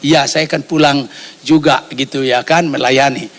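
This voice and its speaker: A middle-aged male pastor, preaching a sermon as an animated storyteller who acts out dialogue. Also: medium pitch, normal speed.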